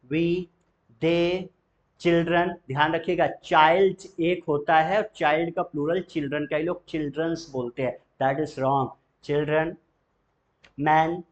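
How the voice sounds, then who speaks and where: A man's voice: fairly high pitch, muffled recording. A man teaching a spoken English lesson, drawing out model sentences and quizzing the listener with repeated questions.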